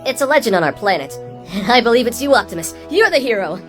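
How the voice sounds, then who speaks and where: A woman voicing an earnest, excitable heroic robot in a dubbed cartoon, speaking over background music. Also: on the high side, fast talker.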